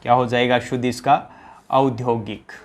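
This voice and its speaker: With a level tone and normal speed, a mid-pitched man with a Rajasthani accent runs an exam-prep grammar class. He keeps re-asking each question to drill answers and calls his learners companions.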